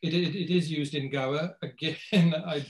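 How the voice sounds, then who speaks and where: A man's voice: a little high, steady tone, normal speed, a little mellow, poor audio. A man speaking as a guest in an academic panel conversation over a video call. He talks hesitantly, with many restarts and repeated words.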